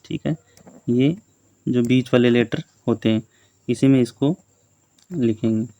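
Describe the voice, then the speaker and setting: Slow, patient male teacher. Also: mid-range voice, warm tone, muffled recording, slight background noise. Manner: patient, repeats letters and words many times. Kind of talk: slow classroom lesson for young children.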